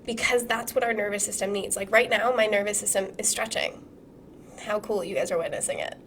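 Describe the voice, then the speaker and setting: A hoarse woman who is sick, teaching a live-streamed trauma-healing masterclass in a casual, swearing, animated way full of rhetorical questions. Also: medium pitch, brisk, a little hiss or hum.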